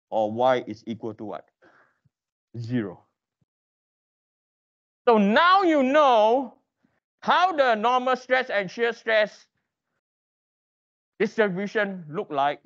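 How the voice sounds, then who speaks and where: Heard through dull audio, this mid-range voice belongs to an engineering lecturer who quizzes his class again and again, pressing students for responses during an interactive lesson.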